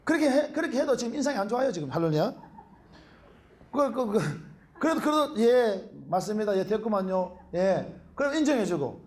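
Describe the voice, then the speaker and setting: High, lively preacher man. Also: a little fast. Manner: animated preaching, calls out hallelujah often. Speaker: pastor. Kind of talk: sermon.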